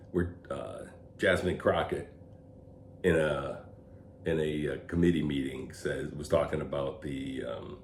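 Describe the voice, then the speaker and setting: A man co-hosting a podcast in casual political chat, blunt and opinionated, chuckling often. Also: rumbling low. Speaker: podcast co-host. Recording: roomy echo, faint background hum.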